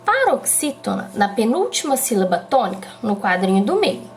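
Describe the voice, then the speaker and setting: A woman with a Brazilian Portuguese accent teaching a lesson, explaining slowly and stretching out key syllables for emphasis. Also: a little high, big pitch swings, slight background noise. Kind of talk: remote classroom lesson.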